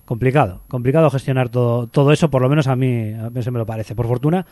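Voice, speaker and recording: Brief Man, radio music host, quick rambling chat, dry close sound. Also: medium pitch, fairly even intonation, a little mellow, dry recording. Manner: rambling, thinks aloud, hedging. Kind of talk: casual chat.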